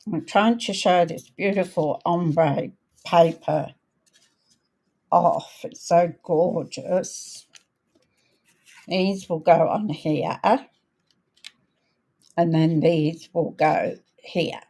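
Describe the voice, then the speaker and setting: Slow, chatty woman demonstrating card crafts. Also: lowish voice, mellow, slightly rough. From outside America. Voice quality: slightly crackly voice. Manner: chatty, unhurried, talks while working. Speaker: crafting host. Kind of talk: live card-making demonstration.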